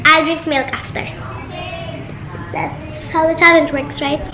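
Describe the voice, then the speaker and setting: A woman's voice: sits high, level tone, unhurried, roomy sound, over music. A young woman with a Filipino accent chats casually and teasingly in a food challenge vlog. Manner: playful, teasing banter with sibling. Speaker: vlogger. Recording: noisy room with clinking dishes.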